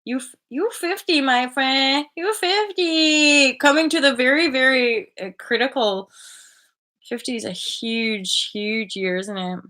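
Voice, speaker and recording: A woman in her thirties hosting a casual live chat from a bedroom, chatty and animated, full of likes and restarts, heard through a webcam mic. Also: sits high, measured pace. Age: 30s. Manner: animated, gestures a lot, laughs often. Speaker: livestream host. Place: bedroom indoors. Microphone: webcam at desk distance.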